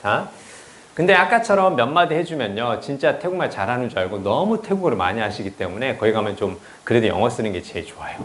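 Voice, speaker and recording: Talking fast with big swings in pitch, a man with a medium, somewhat bright voice runs a casual English lecture. He's blunt and profane in a chatty way, keeps asking students "right?", and the recording carries a roomy echo.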